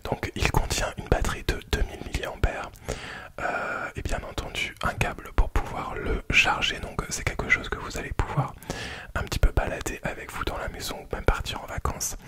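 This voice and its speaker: A man whispers softly and quietly, as if at night, presenting a product in an informal, hesitant ASMR unboxing style. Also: moderate pace.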